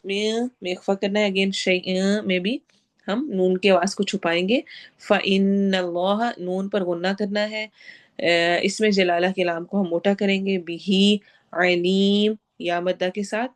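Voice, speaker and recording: A woman teaching Quran recitation, reciting each phrase slowly and then patiently explaining how to pronounce it. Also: mid-range voice, fairly even intonation. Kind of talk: tajweed lesson.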